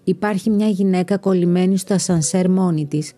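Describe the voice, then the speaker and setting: A woman's voice: on the low side, dark tone, close to an everyday voice. A woman voicing a frantic female bystander by a stuck elevator, speaking urgently. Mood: alarmed. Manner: urgent, pleading.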